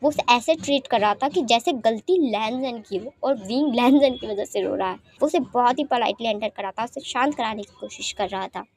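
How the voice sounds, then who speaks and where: A woman narrating a romance fan fiction story, chatty and expressive. Her voice sits on the high side, and she talks the listener through each scene.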